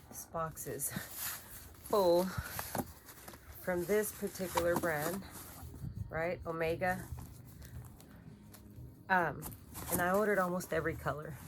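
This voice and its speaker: Low-voiced chatty woman vlogging. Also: background noise. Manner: chatty, rambling, gushing over yarn. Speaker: crochet vlogger. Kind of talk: casual vlog chat.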